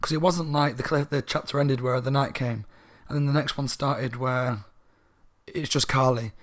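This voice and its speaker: A man's voice: mid-range voice, steady tone, normal speed, fairly bright tone. Tipsy man rambling a book review. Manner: rambling, tipsy, self-correcting.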